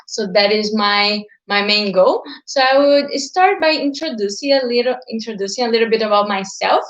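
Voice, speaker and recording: A woman in her twenties from Brazil, a native Portuguese speaker, hosts a livestream channel from home and talks casually with her viewers, using many fillers like "like" and "uh." Her fairly high, fairly bright voice has lively intonation and a moderate pace. The recording is reverberant with the highs cut off.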